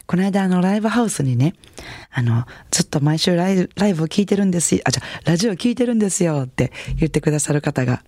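A woman's voice: fairly low pitch, animated, quick pace, warm tone, no echo. A woman radio host and jazz singer with a Kansai accent, chatting casually and telling self-mocking stories with lots of fillers. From Kansai region of Japan. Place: radio studio. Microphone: studio microphone.

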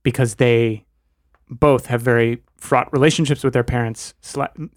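A man's voice: medium pitch, steady tone, measured pace, dry recording, clean studio sound. A man co-hosting a podcast, talking through a TV episode in a thoughtful, analytical, wordy way. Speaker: podcast co-host. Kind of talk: casual chat.

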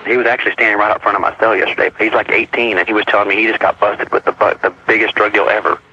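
A man's voice: fairly low pitch, level tone, sharp tone, husky. Man on a muffled jail payphone call. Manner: hurried, stumbling restarts. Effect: jail payphone call line. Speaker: jail inmate on a phone call. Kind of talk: casual phone chat. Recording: muffled archival phone recording.

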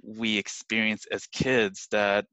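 Host: man with a lower voice, earnest, halting delivery, dry recording. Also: level tone, sharp tone, clean tone, no room sound, low-quality recording. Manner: earnest, halting, restarts phrases. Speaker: podcast host. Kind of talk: conversational interview.

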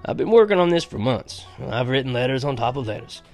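A man voicing a kindly, excitable old country grandfather in a storybook, with a folksy, emphatic way of talking. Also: medium pitch, fairly quick, vocal fry, soft background music. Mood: earnest, eager.

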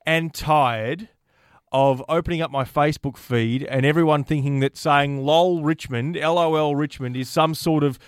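An Australian man hosting a casual sports podcast, talking with animated ranting energy. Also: fairly high pitch, moderate pace, clean tone, no echo, studio quality. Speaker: podcast host.

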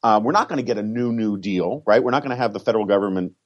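A man's voice: lowish voice, dull audio. A man co-hosting a podcast, talking politics in a wry, argumentative way and teasing his co-hosts. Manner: wry, argumentative, quick to tease. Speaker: podcast co-host. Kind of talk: casual political chat.

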